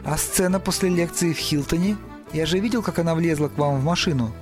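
A man voicing a wry, level-headed young male musician who speaks in a measured, sardonic way. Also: on the high side, music in the background, lightly acted.

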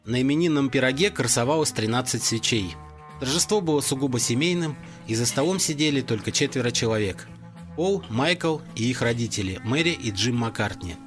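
A man's voice: mid-range voice, animated, fairly quick, soft background music. A man narrating a story as an audiobook reader. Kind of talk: scripted narration.

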